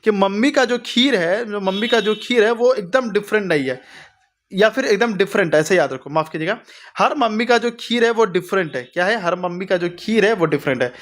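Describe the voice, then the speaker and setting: A man's voice: sits high, expressive, fairly quick, a bit bright. A young man teaching an exam-prep lesson with memory tricks, asking rhetorical questions and repeating each answer. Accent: Hindi-speaking north Indian.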